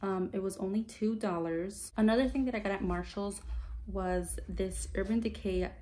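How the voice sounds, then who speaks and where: A young woman beauty vlogger chatting casually to camera in a hushed, low voice so as not to wake someone sleeping. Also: moderate pace, a little hiss or hum. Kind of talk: casual chat to camera, makeup haul.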